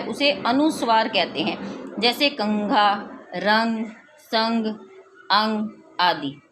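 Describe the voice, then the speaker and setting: A woman teacher explaining a grammar lesson, pausing to give examples. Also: medium pitch, a little hiss or hum. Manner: slow, explanatory, gives examples. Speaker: school teacher.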